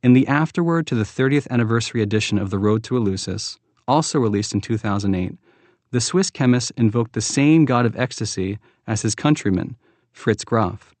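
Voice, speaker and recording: A man reading a nonfiction book aloud in a steady, measured narration. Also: mid-range voice, no room sound. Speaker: audiobook reader.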